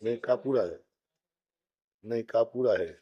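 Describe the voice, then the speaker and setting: A man teaching a Sanskrit grammar class, explaining step by step, slowly chanting rules and putting questions to his students. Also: medium pitch, lo-fi sound.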